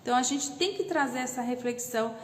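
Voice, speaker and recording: A woman's voice: a little high, fast talker, roomy sound, long reverb tail. A Brazilian woman coaching on self-knowledge in a casual live lesson, emphatic and full of rhetorical questions. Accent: Brazilian Portuguese.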